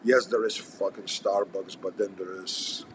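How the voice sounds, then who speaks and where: A man's voice: deep voice, fairly even intonation, a little slow. A man with a Russian accent chatting casually in a blunt, profane, wry manner. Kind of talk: casual chat. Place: coffee house. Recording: noisy coffee house ambience.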